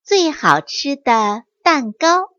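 A woman telling a bedtime story to a child, gentle and expressive. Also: sits high, takes it slowly, over loud music. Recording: dry, slightly muffled.

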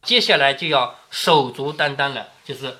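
A man's voice: medium pitch, moderate pace, sharp tone. A man reading a classic novel aloud to his daughter and explaining it in a chatty way, often checking in with "right?". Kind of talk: storytelling reading with commentary.

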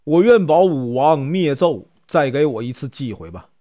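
A man's voice: fairly high pitch, sing-song, normal speed, dark tone. A man voicing a proud young prince who scoffs at danger and then begs his master to spare him. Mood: pleading. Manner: pleading, then boastful. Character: proud young prince turned pleading and desperate.

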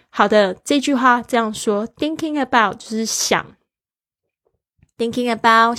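Woman teacher chatting through a book, reads english lines slow, dry close mic. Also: mid-range voice, no room sound. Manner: chatty, explains English words slowly, then reads lines aloud in a slower voice. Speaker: English teacher reading a self-help book. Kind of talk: casual bilingual book lesson.

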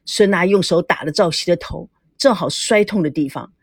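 A woman narrating an audio drama in an expressive, animated way. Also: fairly low pitch, normal speed, husky, no echo, clean studio sound. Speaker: storyteller.

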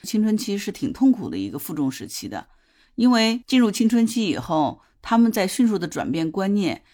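A woman's voice: medium pitch, big pitch swings, brisk, warm tone. A woman hosting a parenting advice podcast. She talks in a conversational way and often puts questions to her listeners. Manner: tells a story from a TV drama in detail. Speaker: podcast host.

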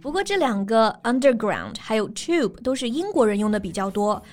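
A young woman co-hosts a bilingual English-learning podcast with a calm, teacherly manner. Her voice sits slightly high and stays steady as she explains stress and spells words out. She sounds composed and clear. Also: normal speed. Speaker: podcast co-host.

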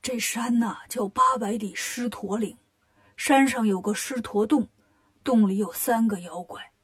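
A woman voicing a frightened, kindly old grandfather in a children's storybook tale, speaking slowly and softly. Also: on the high side, slightly rough.

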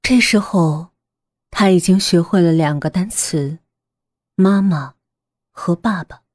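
A woman narrates a suspense novel in a measured, hushed manner. Her voice sits low with a husky edge. The recording is dry and close, with no room sound. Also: no room sound. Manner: measured, hushed storytelling that drops to a near whisper. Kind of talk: scripted audiobook narration.

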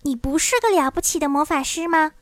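A woman doing an earnest little girl, high-pitched, wondering questions, storybook voice. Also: normal speed, fairly bright tone, no room sound. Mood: surprised. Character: young girl, earnest and surprised.

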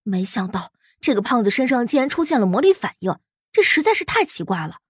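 Woman doing a cool clever young fighter girl, breathy voice, kinda high, dry close sound. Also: big pitch swings, no echo. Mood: musing. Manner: cool, measured inner musing. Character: calm, sharp-witted young woman fighter. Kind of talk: audiobook character reading.

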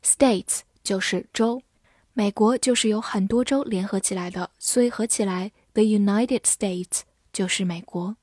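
A woman gives a scripted vocabulary lesson at an unhurried pace. She spells each word out letter by letter and reads the example sentences slowly, and the close mic sounds dry, with no room echo. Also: mid-range voice, darkish tone, husky. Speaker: English vocabulary teacher.

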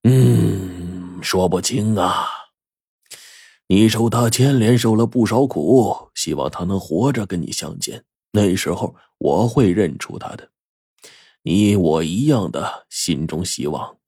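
A man voicing a kindly, gentle old ferryman with a soothing way of speaking. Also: low voice, expressive, slow, husky, dry recording, clean studio sound, full character voice. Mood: thoughtful.

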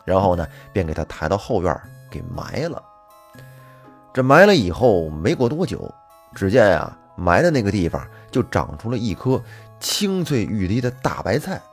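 Lively storyteller man. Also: on the low side, normal speed. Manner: lively colloquial storytelling with fillers. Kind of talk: folk tale narration. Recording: faint music behind.

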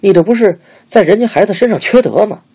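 A man voicing a stern older craft master who shouts indignantly at his wife. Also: mid-range voice, huge pitch swings, fairly quick, creaky, breathy edge, heavily acted. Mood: furious.

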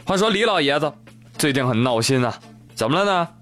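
Over background music, a man with a slightly high, animated voice speaks briskly as he hosts a comic news show. He spins exaggerated, sarcastic, teasing stories loaded with Chinese internet slang.

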